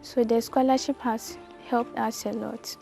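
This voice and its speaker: A woman with a Ghanaian accent talks in an interview about her brother. Her voice sits high but mellow, and she speaks simply and gratefully. Faint music plays behind. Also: little pitch movement, a little slow, vocal fry. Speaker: student's elder sister.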